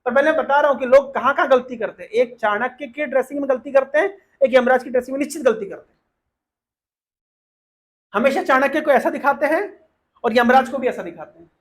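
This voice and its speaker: A man giving a devotional talk who explains scripture, asks the audience questions, chants slowly and reads translations. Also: very high voice, a bit bright. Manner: explanatory, asks the audience questions and leads call-and-response recitation. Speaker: preacher.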